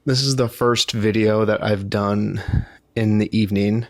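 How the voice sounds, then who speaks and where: A tired man talks casually to the camera, rambling and poking fun at himself as he circles back over his own phrases. His voice sits a little low, and the sound is dry and close. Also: steady tone, unhurried, darkish tone, no room sound. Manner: rambling and self-deprecating, with frequent restarts. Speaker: vlogger.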